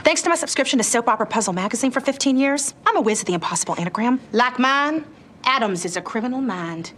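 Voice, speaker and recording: A pompous rich teen girl who swoops high and wide through every line. She drawls theatrically and grandly over music in a TV comedy-drama. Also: expressive, quick pace, a bit bright, a little hiss or hum. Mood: grandiose.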